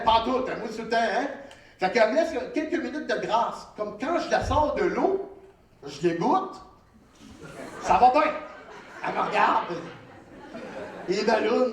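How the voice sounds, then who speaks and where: A young male stand-up comedian with a Québécois French accent, telling a story in an animated, theatrical way that swings into shouts and sing-song. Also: very high voice, recorded from a distance. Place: theatre stage. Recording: roomy live stage sound from off-mic.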